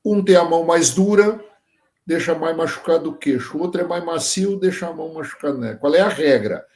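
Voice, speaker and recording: A man's voice: on the high side, a little fast, darkish tone. Man explaining dog training. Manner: explains through farm examples, asks listener to confirm. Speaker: guest, sheep dog trainer. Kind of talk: casual podcast interview.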